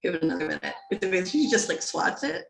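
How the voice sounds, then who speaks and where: A woman's voice: lowish voice, very animated, fast, vocal fry, echoey room, noisy background. A woman teaching statistics in a casual recorded lecture, chatty and playful, interrupting herself and adding little sound effects. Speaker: statistics instructor.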